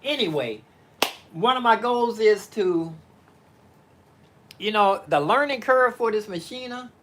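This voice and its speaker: A man's voice: sits high, lively intonation, fairly bright tone, slight background noise. Older man rambling through a home-studio stream. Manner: meandering and halting, thinking aloud with many fillers and restarts. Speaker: musician live-streaming from his home studio. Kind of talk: rambling live-stream chat. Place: home living-room studio.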